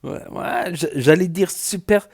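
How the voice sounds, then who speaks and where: This YouTube news host speaks high and unhurried, his tone slightly mellow with a breathy edge. With a southwestern French lilt, he wanders through loose reaction talk, stuffed with "euh," "voilà," and false starts.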